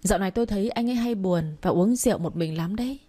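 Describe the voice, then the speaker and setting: A woman voicing a sharp-tongued young woman who speaks quickly and cuttingly. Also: mid-range voice, husky, close to an everyday voice. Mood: reproachful.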